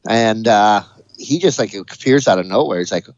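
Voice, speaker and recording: A man's voice: lowish voice, animated, moderate pace, dry recording, lo-fi sound. A man co-hosting a casual movie podcast, laid-back, laughing easily and agreeing often. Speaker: podcast co-host.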